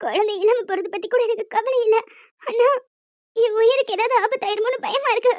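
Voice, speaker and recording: Woman doing a scheming cartoon young woman, theatrical wailing, very high voice, lo-fi. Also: a little fast, no echo. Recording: dull lo-fi recording.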